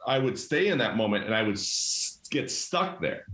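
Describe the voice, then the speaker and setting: A man's voice: lowish voice, big pitch swings, moderate pace, a bit bright, roomy sound. A middle-aged man, a guest leadership coach, talking emphatically and animatedly in casual conversation, acting out quoted voices. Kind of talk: passionate conversational storytelling.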